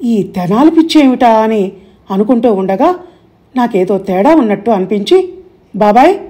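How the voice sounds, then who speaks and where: A woman narrating an audiobook story in a steady, measured way. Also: fairly high pitch, slightly rough.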